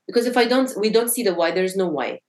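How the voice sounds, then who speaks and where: A woman's voice: mid-range voice, animated, fast talker. A young woman from Syria, a podcast guest, talking reflectively and searching for words with frequent restarts. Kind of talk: casual conversation.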